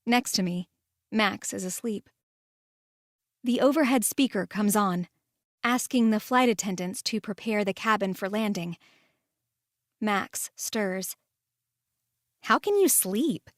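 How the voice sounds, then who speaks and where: A woman narrating a first-person story in a calm, measured way and voicing the lead. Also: mid-range voice, no room sound, clean studio sound.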